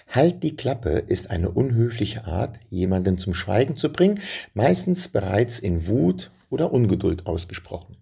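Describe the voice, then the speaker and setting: A man's voice: fairly low pitch, dark tone. A man reading a children's story aloud and chatting directly with his young listeners. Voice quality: gravelly.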